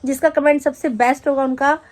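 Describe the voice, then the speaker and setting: A young woman vlogger casually telling a story to the camera, chatty and animated, acting out the quotes as she goes. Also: sits high, brisk. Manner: chatty, animated retelling with acted-out quotes and laughter. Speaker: family vlogger.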